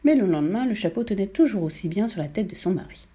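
A woman narrating a children's novel in a measured, expressive storytelling manner. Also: medium pitch, breathy edge. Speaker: audiobook narrator.

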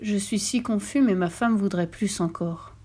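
A woman's voice: mid-range voice, normal speed, warm tone, breathy edge, natural voice. A woman reading a storybook and voicing a poor, humble old fisherman with a meek, hesitant way of talking. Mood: pleading.

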